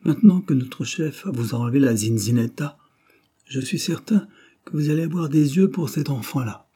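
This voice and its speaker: A man voicing a jovial, boastful old bandit captain who talks in a booming, teasing, theatrical way. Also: normal speed, warm tone, husky, close to an everyday voice. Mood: mocking.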